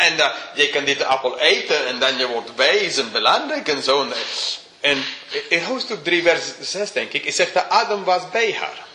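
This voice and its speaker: A man's voice: fairly high pitch, sharp tone. A man preaching an informal sermon, chuckling often and speaking slightly broken grammar. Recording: roomy hall with faint hum.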